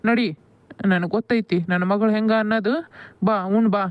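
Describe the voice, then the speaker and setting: A woman's voice: medium pitch, steady tone, normal speed, smooth, dry recording, lightly acted. A woman voicing a kind, doting middle-aged village father in a cartoon, coaxing and affectionate, with a North Karnataka Kannada accent. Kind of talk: cartoon voice acting. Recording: dull lo-fi dry audio.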